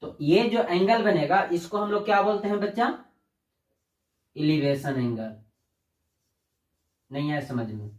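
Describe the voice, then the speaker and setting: Male teacher, higher voice, talks to students as kids, recorded off-mic in an echoey room. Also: expressive, measured pace, long pauses, distant mic. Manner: addresses students as "बच्चा", asks and answers own questions. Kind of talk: classroom lesson.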